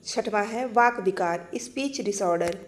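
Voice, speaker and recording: A woman teacher explaining exam-prep material in a clear, patient way, restating each point. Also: medium pitch, a little slow, slight background noise.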